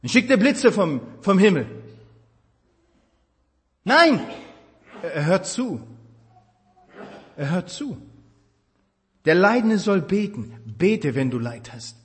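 Male preacher, high-pitched, fervent sermon delivery, long hall reverb. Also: big pitch swings, slow pace, long pauses. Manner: impassioned, swinging between loud emphasis and hushed tenderness.

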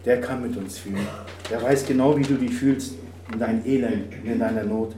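A man preaching a sermon, swinging from quiet to loud and acting out dialogues. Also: medium pitch, fairly even intonation, fairly quick. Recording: roomy, from a distance, faint noise.

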